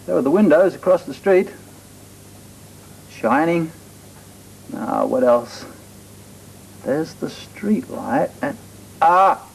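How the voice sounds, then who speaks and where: A middle-aged Australian man presents a children's TV show in a 1980s studio recording, patiently explaining things to young viewers in a slow, lively, child-directed way. His voice is fairly high and gravelly, heard far from the mic on a rough recording with a little hiss or hum.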